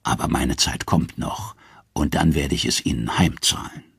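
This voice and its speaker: A man's voice: mid-range voice, big pitch swings, gravelly, breathy edge, dry recording, clean studio sound, voice pushed up, heavily acted. A man voicing a sly, cowardly male trickster god who talks his way out of trouble. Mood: bitter whisper. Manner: wheedling, fast-talking.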